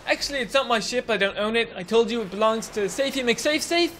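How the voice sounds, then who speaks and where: A man voices a bumbling, boastful ship captain in a comedy machinima, rambling excitably and breaking into yelps. His blustering voice is extremely high and quick, with a little hiss or hum.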